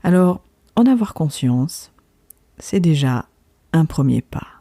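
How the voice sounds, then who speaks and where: A woman's voice: low-pitched, sing-song, takes it slowly, warm tone, no room sound. A woman from the south of France hosting a podcast, delivering a scripted monologue with conversational asides and questions put straight to the listener. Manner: rhetorical questions, addresses listeners directly. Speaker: podcast host.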